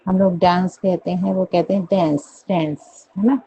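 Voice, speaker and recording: A woman from India teaching English pronunciation, slowly repeating each word and checking in with her students again and again. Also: lowish voice, flat delivery, lo-fi sound, a little hiss or hum. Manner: repeats words slowly, checks in with "theek hai?". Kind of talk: classroom pronunciation lesson.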